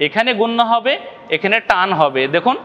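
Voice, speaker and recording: Patient bangladeshi guy teaching recitation, keeps asking if u get it, highish voice, reverb-y room. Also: lively intonation, a little fast, bright, forceful tone, dull audio, a little hiss or hum. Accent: Bangladeshi Bengali. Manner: patient, repeats each point, often asks the viewer if they follow. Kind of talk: video lesson.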